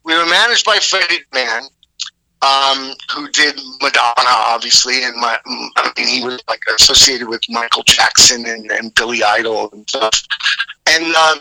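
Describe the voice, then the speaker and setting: A man's voice: mid-range voice, moderate pace, creaky, sharp tone, no echo. A man talking over a phone line as an interview guest, rambling with many fillers and restarts. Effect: heard over a phone line. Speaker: musician guest.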